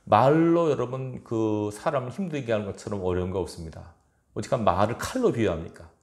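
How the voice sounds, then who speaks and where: A man's voice: fairly low pitch, brisk. A male pastor preaching a fervent, emphatic sermon in a church sanctuary. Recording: roomy church echo.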